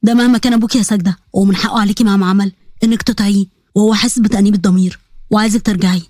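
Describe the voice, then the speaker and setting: A woman voicing a caring middle-aged uncle with an Egyptian accent, in a soft, coaxing, fatherly way, for a narrated story. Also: medium pitch, fairly even intonation, very fast, dry recording, studio quality, pitched below the performer's own voice, natural voice.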